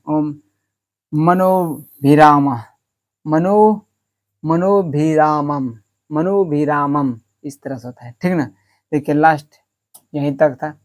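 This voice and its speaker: A man teaching a lesson. He asks questions and answers them himself, keeps checking with his listeners, and stretches words out slowly to show how they are said. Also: a little high. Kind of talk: classroom-style lesson.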